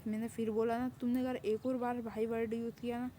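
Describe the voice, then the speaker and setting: A woman voicing a possessive, domineering young mafia stepbrother in a fan story, using a flat, mellow voice. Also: a little high, fairly quick, a little hiss or hum, natural voice. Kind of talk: storytelling with acted dialogue.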